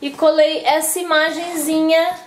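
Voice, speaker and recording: A woman's voice: high-pitched, little pitch movement, measured pace, echoey room, slight background noise. A woman vlogging casually from home, chatty and explaining her party crafts step by step. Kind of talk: casual craft vlog chat.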